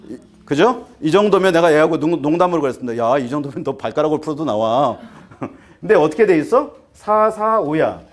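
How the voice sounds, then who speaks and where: This teacher, a man in his fifties at an academy, talks to parents in a fairly high voice at a fairly quick pace. His lecture is animated and full of rhetorical questions and impressions of students and parents, and he gets so worked up that his words trip over each other.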